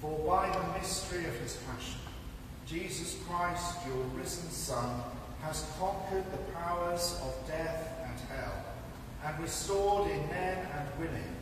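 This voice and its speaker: Man, priest, slow solemn intoning, cathedral echo, heard from far back in the church. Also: fairly high pitch, lively intonation. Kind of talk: liturgical prayer. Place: large church. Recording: echoey church recorded from far off.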